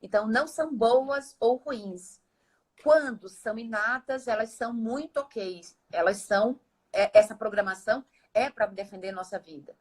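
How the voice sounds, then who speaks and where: A woman's voice: on the high side, moderate pace, breathy edge, rough recording. Didactic woman explaining patiently. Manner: steady, didactic, with frequent tag questions. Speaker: guest expert. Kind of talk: explanatory conversation.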